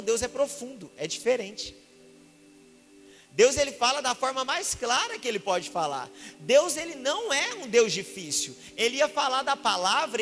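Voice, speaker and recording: A man with a very high voice preaches in a Mineiro Brazilian accent, firing off rhetorical questions and playing out little conversations. His sermon rings through a reverberant church hall. Music plays clearly underneath him. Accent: Mineiro Brazilian Portuguese. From Minas Gerais, Brazil. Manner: animated preaching with rhetorical questions and acted-out dialogue. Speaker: pastor.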